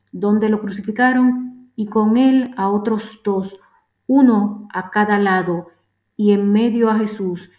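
A woman giving a solemn liturgical scripture reading in a steady, measured voice. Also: medium pitch. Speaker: scripture reader. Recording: roomy echo.

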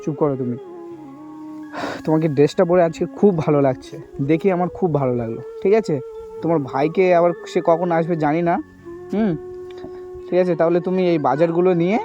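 A man who talks to a young woman in a gentle, reassuring way and keeps asking "okay?". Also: fairly high pitch, a little fast, long pauses. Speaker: charity video host. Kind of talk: staged outdoor conversation. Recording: dull lo-fi sound with music behind. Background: background music.

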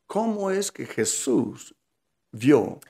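A man's voice: medium pitch, sing-song, very slow, mellow. A man hosting a podcast interview, affirming his guest and following up on her points. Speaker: podcast host, pastor.

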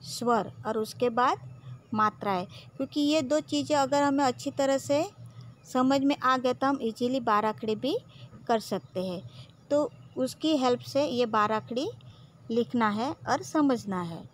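A woman's voice: high-pitched, unhurried, slight background noise. A woman teacher with a Gujarati accent who patiently drills syllables one by one, saying "okay" often. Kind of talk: slow classroom lesson.

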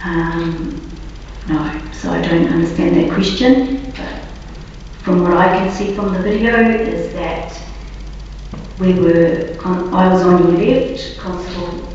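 A woman police officer giving formal, deliberate and halting testimony as a witness under cross-examination. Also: on the low side, steady tone, a little mellow. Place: large reverberant courtroom, far from microphone. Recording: very echoey distant courtroom recording, muffled, faint noise.

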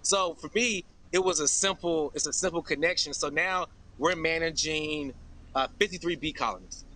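The guest, an American farm founder in his thirties, talks at a normal speed with a sharp, somewhat high voice. He gives an earnest, informal explanation over a live video call from an open farm shelter outdoors, and the recording is rough.

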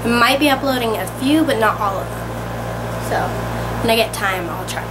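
A young woman chatting casually to camera as a video blogger, offhand and easily distracted, with a sore, congested throat that she keeps clearing. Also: on the high side, moderate pace. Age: teens to young adult. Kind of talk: casual question-and-answer chat to camera. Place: small indoor room at home. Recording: loud steady room hum and noise.

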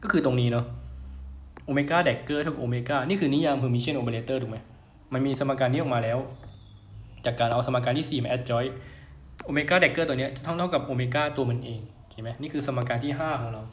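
A young man teaching physics at a relaxed pace, talking casually and pausing to check that the listener keeps up. His voice sits at an ordinary middle pitch. The recording has a noticeable roomy echo around it. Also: a little hiss or hum. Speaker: physics tutor. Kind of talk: casual lecture over a whiteboard.

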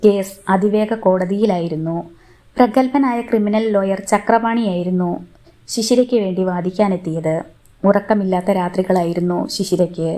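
A woman narrating a novel as an audiobook, reading in a steady, even storytelling voice. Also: medium pitch, moderate pace.

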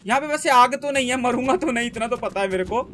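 A young man from India giving excitable, casual gameplay commentary, talking to himself and his in-game creature with frequent exclamations. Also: very high-pitched, quick pace, slight background noise. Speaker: gaming YouTuber.

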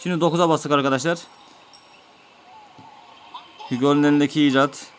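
A man's voice: on the high side, steady tone, rapid-fire, a little hiss or hum. A man giving let's-play commentary, patiently explaining each step of an old game to his viewers. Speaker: gaming YouTuber.

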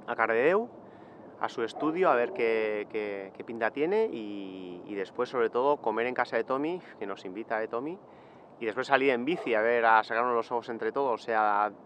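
A man's voice: mid-range voice, highs cut off, a little hiss or hum. A man in his thirties, a mountain bike racer, chatting casually and jokingly to a close-range camera outdoors on a hillside. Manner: joking, slangy, breezy. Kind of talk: casual vlog chat.

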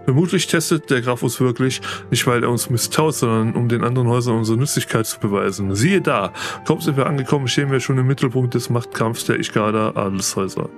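A serious young strategist ally, read out plainly by a man. The voice sits in a middling register with faint game music underneath. It comes across as plain, even reading rather than acting. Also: mid-range voice, fast, close to an everyday voice. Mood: earnest.

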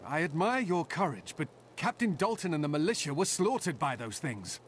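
An actor voicing a grim male survivor of a slaughtered militia in a video game, speaking gravely. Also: on the high side, big pitch swings, moderate pace, a crowd in the background.

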